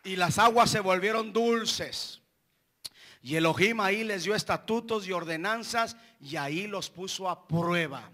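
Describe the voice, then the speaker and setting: A male preacher delivering an impassioned sermon, repeating phrases and building up to shouts. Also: sits high, unhurried. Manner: impassioned, repetitive, rising to shouts. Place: church hall.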